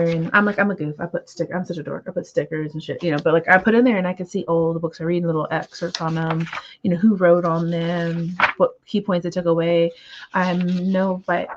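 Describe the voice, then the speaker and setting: Low-voiced woman rambling on a stream. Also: muffled recording, slight background noise. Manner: rambling, filler-heavy, self-deprecating; naturally fast talker trying to slow down. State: slightly hoarse. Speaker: comic book reading stream host. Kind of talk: casual livestream chat.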